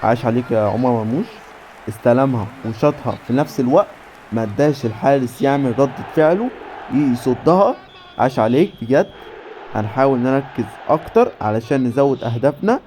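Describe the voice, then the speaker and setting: An Egyptian man commentating his own football video game match with rapid bursts of player names and cheering. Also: medium pitch, expressive, a little hiss or hum. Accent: Egyptian Arabic. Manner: rapid name-calling bursts, cheering shouts. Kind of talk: excited play-by-play game commentary.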